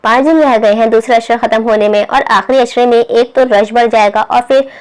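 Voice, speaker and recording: Woman reading cheeky young girl, chatty, kinda high voice. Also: fairly even intonation, a little fast, smooth, natural voice. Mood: pleading, sassy.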